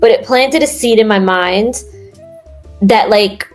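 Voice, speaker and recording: A woman's voice: mid-range voice, slow pace, soft background music. A young woman from New York in a casual interview, talking in a rambling way with lots of fillers and restarts. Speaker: guest.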